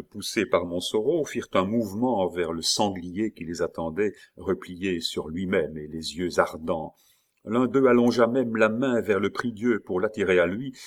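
A man reading a classic novel aloud as an audiobook narrator, steady and measured. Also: low voice.

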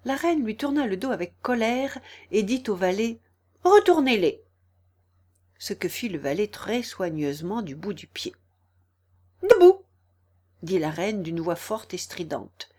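A woman narrating a storybook audiobook, deliberate and expressive. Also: medium pitch.

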